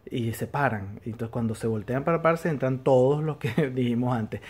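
A man's voice: mid-range voice, normal speed, darkish tone, breathy edge. A man casually recapping a TV episode as a series reviewer, rambling along with fillers and restarts.

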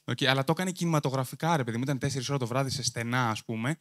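Crude, teasing Greek stand-up comedian on stage. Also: male voice, mid-range voice, fairly bright tone, dry recording, studio quality. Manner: crude, teasing banter with the crowd. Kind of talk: stand-up storytelling to a live audience. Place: comedy stage before a live audience. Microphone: handheld microphone.

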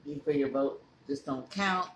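A chatty man from California talks while chewing, putting questions to his viewers in a casual vlog. His voice sits a little high for a man. The room is echoey, with a faint hum of ambient noise behind him. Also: moderate pace, fairly bright tone. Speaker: mukbang vlogger. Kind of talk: casual talk to camera.

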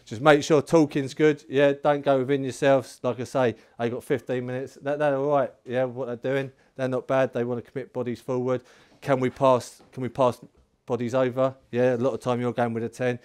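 A medium-pitched man talks his football squad through the plan before a match. He is blunt and sweary, rallying the players to work hard. He is outdoors at a football ground. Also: little pitch movement, a little fast, hardly any pauses, darkish tone, clean tone. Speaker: football coach. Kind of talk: pre-match team talk.

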